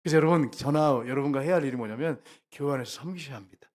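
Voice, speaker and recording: A man preaching a sermon to his congregation as their pastor. He speaks with emphasis and often rises to loud, repeated calls to the listeners. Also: medium pitch, rapid-fire. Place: church sanctuary.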